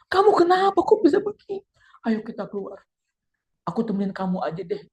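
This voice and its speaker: A man voicing an alarmed young woman friend who pleads in a high, quick, urgent voice. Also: steady tone, warm tone, close to an everyday voice.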